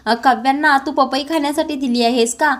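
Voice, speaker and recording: A woman's voice: high-pitched, steady tone, normal speed, natural voice. A woman reading the lines of an angry young husband in a serial recap, in a stern, scolding way.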